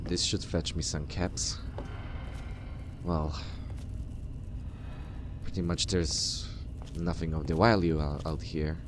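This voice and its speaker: A man role-playing through a video game as he plays, speaking in halting, improvised commentary. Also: extremely low pitch, steady tone, noisy background. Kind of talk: in-character let's play commentary.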